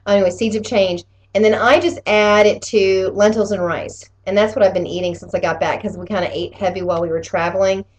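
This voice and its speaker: Casual rambling woman, clear background noise. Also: medium pitch, steady tone, a little fast, hardly any pauses, low-quality recording. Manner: rambling, conversational, self-correcting. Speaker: vlogger giving weekly health challenge update. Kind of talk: casual chat, personal update.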